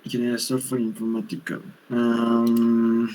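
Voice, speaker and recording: A man student answering in an online class, reciting definitions and pausing to search for words. His voice sits at a middling pitch for a man. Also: completely flat delivery, background noise.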